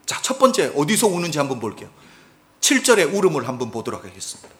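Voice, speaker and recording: A male pastor delivers an animated sermon in a high voice that leaps up and down. He keeps asking the congregation questions and shifts from loud emphasis to near-quiet asides. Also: fast. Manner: animated preaching, asks the congregation questions, swings between loud and soft. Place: church sanctuary.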